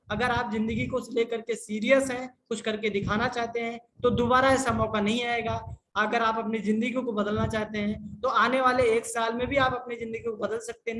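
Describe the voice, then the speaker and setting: A man, a business consultant, answering viewer questions in an insistent, repetitive sales pitch and often calling the listener sir. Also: a bit bright. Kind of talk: persuasive sales talk in a live Q&A. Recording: echoey room with faint noise.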